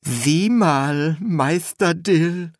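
A man's voice: on the high side, very slow, no echo, clean studio sound, pitched above the performer's own voice. A man voicing an eager, chatty young male apprentice who asks naive, curious questions.

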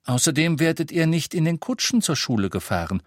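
A man voicing a calm, firm father seeing his sons off. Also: fairly high pitch, brisk, dry recording, clean studio sound, voice pushed up. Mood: reassuring. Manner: firm, reassuring.

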